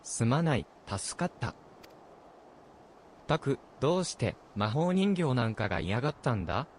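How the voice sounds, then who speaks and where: A man voicing a gruff, blunt male adventurer in a video game, speaking roughly. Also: medium pitch, sing-song, fast, a little hiss or hum, natural voice. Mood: irritated.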